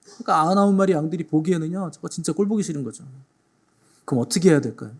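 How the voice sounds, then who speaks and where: Animated man preaching a sermon. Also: on the high side, rapid-fire. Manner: animated storytelling, acting out quotes, addressing the congregation. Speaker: pastor.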